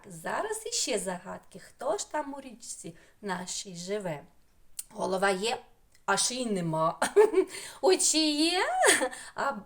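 Slow, sing-song woman teaching small children. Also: mid-range voice. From Ukraine. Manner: slow, sing-song, stretches out sounds and syllables; asks riddles and questions, praises answers. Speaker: preschool teacher. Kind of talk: online lesson for young children.

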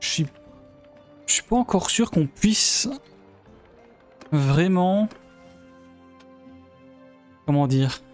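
A man's voice: fairly high pitch, lively intonation, very slow, long pauses, faint music behind. A man from Belgium giving live commentary on his strategy game, thinking aloud and often trailing off mid-sentence. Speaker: let's play gamer.

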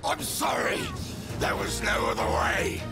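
A man's voice: very high voice, wildly swooping pitch, measured pace, creaky, far from the mic, exaggerated voice. An actor playing a tormented scientist turned lizard monster in a video game, anguished and straining as he speaks. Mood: remorseful. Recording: loud music, voice off from mic.

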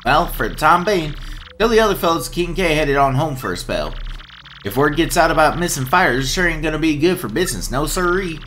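A man's voice: fairly high pitch, animated, a little fast, fairly bright tone, faint music behind, pitched above the performer's own voice. A man voicing a boisterous, folksy middle-aged fight promoter in a put-on Southern US drawl, reading game dialogue.

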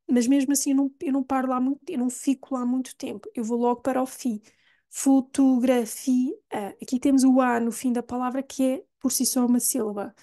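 A woman with a European Portuguese accent teaching pronunciation, saying single words slowly and clearly. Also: on the high side, mellow. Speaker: language teacher. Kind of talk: pronunciation lesson.

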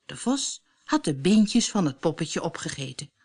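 A woman narrating a children's fairy tale in an expressive storybook reading. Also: lowish voice, moderate pace, breathy edge.

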